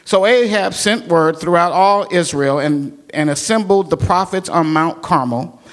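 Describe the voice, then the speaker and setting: A male preacher reads scripture aloud in a sermon. His voice sits fairly high, and he takes his time, stretching phrases for dramatic effect. He breaks off now and then for playful asides. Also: measured pace, fairly bright tone. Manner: dramatic, changes pitch and pace for emphasis, playful asides.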